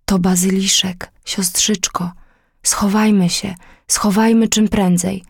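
A woman's voice: mid-range voice, flat delivery, measured pace, gravelly, husky, dry recording, studio quality. A woman voicing a serious, protective young boy in whispered role-play in a storybook reading. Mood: hushed. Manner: grave, hushed.

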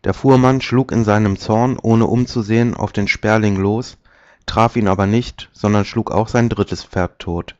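A man reading a fairy tale aloud in a measured, calm storytelling manner, on a dull, dry recording. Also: lowish voice, no echo. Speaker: narrator.

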